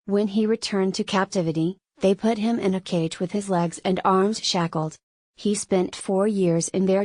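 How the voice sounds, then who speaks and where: A woman's voice: lowish voice, darkish tone, no echo. A woman reading a scripted news article as a narrator, quotes included in the same reporting voice.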